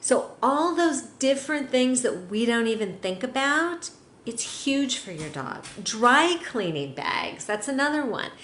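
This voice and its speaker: A woman's voice: a little high, big pitch swings, unhurried, a bit bright. A middle-aged woman, a dog trainer, giving chatty, upbeat training advice to dog owners. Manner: upbeat and chatty, acting out pets' thoughts. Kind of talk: instructional talk to dog owners. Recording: roomy echo, faint hiss.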